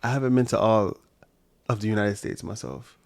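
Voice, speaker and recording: A man's voice: fairly low pitch, steady tone, moderate pace, creaky. Casting: New man, interview guest, loose and profane storyteller with restarts. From Brooklyn, New York and Jamaica. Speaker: podcast guest, sommelier. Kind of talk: casual interview chat.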